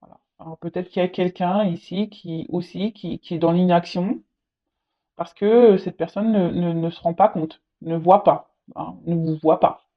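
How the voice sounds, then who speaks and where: Tarot reader doing a chatty reading, keeps repeating words and tacking on little tags, mid pitch, muffled lo-fi sound. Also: steady tone. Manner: halting, repeats words, frequent "hein" tags. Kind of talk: casual tarot reading to camera. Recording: dull lo-fi recording.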